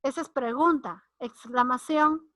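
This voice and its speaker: A woman's voice: high voice, measured pace, pushed and bright, dry recording. A woman teacher, explaining grammar and acting out short example lines. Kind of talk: online grammar lesson.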